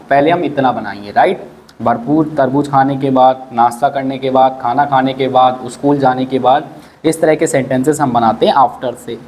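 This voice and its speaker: A man teaching English in a lesson, slowly repeating each word and asking questions as he goes. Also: mid-range voice, a little mellow. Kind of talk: spoken English lesson in Hindi. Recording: faint background noise.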